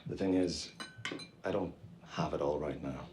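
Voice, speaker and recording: An actor playing a cynical, gruff police officer, in TV drama dialogue. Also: male voice, extremely low pitch, moderate pace, background noise.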